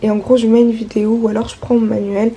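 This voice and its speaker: A woman's voice: a little high, flat delivery, fast talker, mellow, breathy edge, low-quality recording. A teenage girl chatting casually through her vlog, with many fillers and restarts. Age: teens. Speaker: vlogger.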